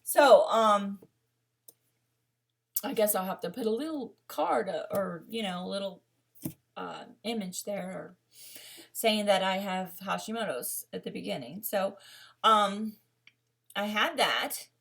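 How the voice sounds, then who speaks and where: Chatty woman with a gravelly voice. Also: medium pitch, slow, long pauses. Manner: rambling and candid, with frequent fillers and self-corrections. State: emotional, near tears. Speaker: vlogger. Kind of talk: personal health story, casual vlog.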